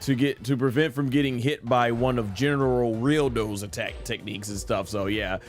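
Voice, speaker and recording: A gaming streamer with a medium-pitched, steady voice plays a video game at normal speed, offering casual, rambling and enthusiastic fan commentary live. The game's music plays behind his voice.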